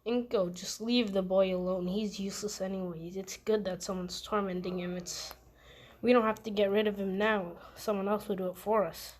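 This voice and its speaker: A woman's voice: medium pitch, steady tone, moderate pace, a little mellow, lightly acted. A woman voicing a scornful, cruel father. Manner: scornful and cursing.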